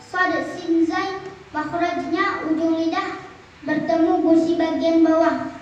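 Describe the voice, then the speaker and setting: A woman's voice: very high voice, fairly even intonation, takes it slowly, a little hiss or hum. A woman reciting memorized Quranic reading rules for an oral exam, chanting lists of letters in a sing-song rhythm. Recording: echoey distant lo-fi room recording.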